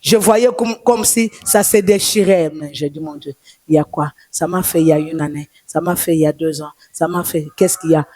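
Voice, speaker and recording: A woman's voice: low-pitched, brisk, mellow, husky, no room sound. A woman prophetess with a Congolese French accent, giving a fervent testimony in a repetitive, sing-song preaching cadence.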